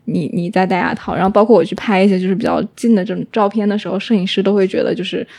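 A woman wearing clear braces, interviewing casually in wordy, filler-heavy, hesitant phrasing. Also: medium pitch, fairly even intonation, very fast, darkish tone.

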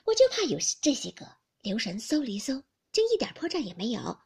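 A woman voicing a young maidservant who is sharp-tongued and teasing, speaking loud and playful. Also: a little high, wildly swooping pitch, brisk, slightly rough, heavily acted. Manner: playful scolding, loud and bright.

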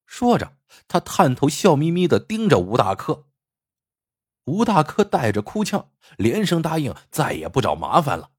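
A man narrating a folk tale in an expressive storytelling style. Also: fairly high pitch, normal speed, slightly rough, no echo, studio quality.

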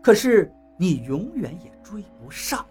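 Audiobook: narrator voicing a scornful, secretive woman, low and hushed, husky. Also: very animated, a little slow, soft background music, full character voice. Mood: cold, scornful. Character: sly, cold woman hiding a secret.

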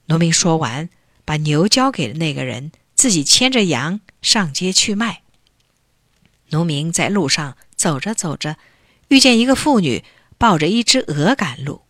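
A woman narrating a children's folk tale with an expressive storybook delivery. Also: sits low, a little slow, no room sound, clean studio sound.

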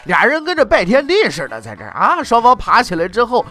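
A man's voice: very high voice, wildly swooping pitch, fairly quick, sharp tone, soft background music. A man telling history in traditional comic storytelling style, with wry, mocking asides.

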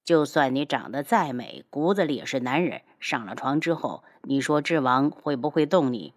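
A woman voicing a cold, sneering young man who talks slowly and with menace. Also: very deep voice, lively intonation, pitched below the performer's own voice. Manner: slow, cold, sneering delivery.

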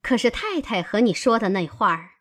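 A woman reader voicing a proud young maidservant who scolds in a high, loud voice and cries in anger. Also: sing-song, brisk. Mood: indignant. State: crying while scolding.

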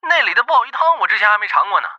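A man's voice: sits high, bright, forceful tone, no room sound, voice pushed up, heavily acted. A man voicing a loyal, chubby young male friend speaking over the phone in an audio novel, emotional and choked up. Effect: phone call.

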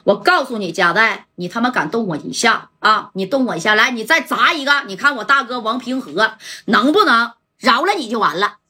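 A woman's voice: fairly high pitch, animated, a little fast, bright, forceful tone, husky, heavily acted. A woman voicing a cornered male gangster, first cocky and threatening, then frantically begging. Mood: defiant.

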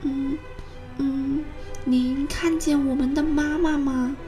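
A woman voicing a group of little tadpoles with high, childlike calling. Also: fairly even intonation, measured pace, soft background music. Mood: timid. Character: little tadpoles, young, eager and curious.

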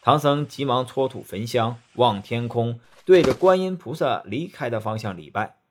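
A man narrating a children's story in a lively, expressive way. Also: mid-range voice, moderate pace, slight background noise.

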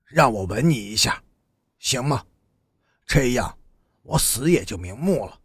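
A man reading an audiobook and voicing a tearful, despairing young man in a low, choked, pleading delivery. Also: very animated, a little slow, slightly rough, dry recording, full character voice. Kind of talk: audiobook character voice.

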